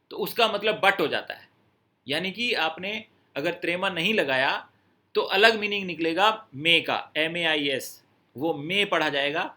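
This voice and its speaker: Teaching French, a man with a high voice and sharp tone walks his students through the lesson one step at a time, repeating words and asking if everyone understood.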